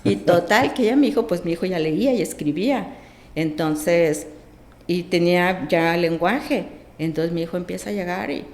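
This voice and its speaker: A woman, a podcast guest telling a personal story with lively acted-out dialogue. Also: on the low side, normal speed, echoey room. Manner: animated, acts out quoted dialogue.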